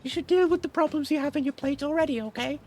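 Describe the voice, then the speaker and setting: A woman's voice: fast talker, darkish tone, natural voice. A woman voicing a teasing, cryptic old fortune teller lady in a mocking granny voice for a game. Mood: knowing, evasive. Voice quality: high-pitched old lady voice. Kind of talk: playful improvised game voice-over in character. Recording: music behind the voice.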